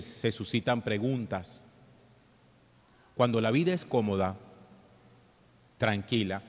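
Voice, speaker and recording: Male priest, scripture and homily delivery, measured solemn manner, cathedral echo with long reverb. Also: lowish voice. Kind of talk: Gospel reading and homily. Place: large church interior.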